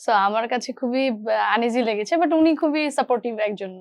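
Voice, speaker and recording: A woman's voice: a little high, fairly quick. A young woman from Bangladesh, an actress, chatting in an interview and slipping English words into her talk. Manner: chatty, mixes English words, hesitant fillers. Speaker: actress guest. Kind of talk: casual interview chat.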